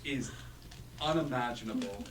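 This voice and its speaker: A man's voice: mid-range voice, normal speed. Man narrating fantasy in an echoey, humming room. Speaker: game master. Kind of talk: narrating a tabletop fantasy game. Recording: echoey room, distant mic, humming noise.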